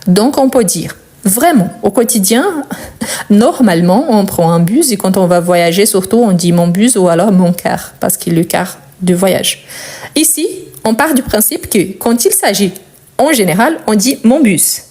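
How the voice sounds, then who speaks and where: Young woman teaching french, portuguese first language, mellow voice, slow and patient, says things twice. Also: medium pitch, animated, breathy edge. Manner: patient, explains step by step with pauses and repetition. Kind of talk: grammar lesson.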